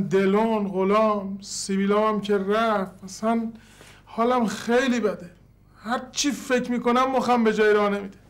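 A prying, aimless neighbor grumbles about his troubles and pokes into others' business. His voice is unusually high for a man. It is a TV comedy role. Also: a bit bright. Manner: prying, complaining. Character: nosy, aimless man looking for a classy job. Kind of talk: sitcom acting.

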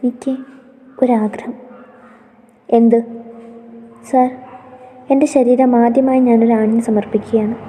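A woman as a tearful, soft-spoken young woman. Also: on the high side, steady tone, measured pace, pauses often, in a large hall, close to an everyday voice. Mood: pleading softly. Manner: soft, pleading, drops to a whisper.

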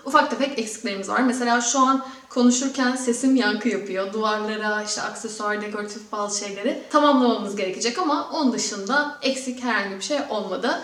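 A woman's voice: medium pitch, fairly bright tone. A woman in her mid-twenties talking casually to her viewers as a vlogger. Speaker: YouTube vlogger and host. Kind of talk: casual vlog talk to viewers. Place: echoey room in a newly moved-into home. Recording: echoey room.

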